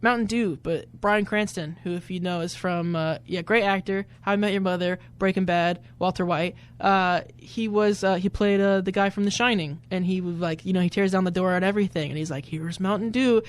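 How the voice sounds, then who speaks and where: A man in his twenties hosts a college radio show, talking at a quick clip. He rambles casually through his points and fills the gaps with ums and uhs. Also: high voice, steady tone, smooth. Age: 20s. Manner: rambling with many fillers. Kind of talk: casual chat.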